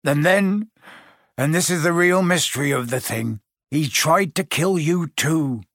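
A huge bearded giant with a gruff, emotional way of talking, played by a male storyteller. His voice is husky and sits a touch high, and the recording is dry and close. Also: a little slow, a bit bright, dry recording. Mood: sad. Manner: rough country speech, emotional.

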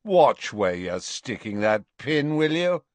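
A man voicing an arrogant, sneering teenage boy with a slow drawl. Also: mid-range voice, very animated, no room sound, voice pushed up. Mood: peevish.

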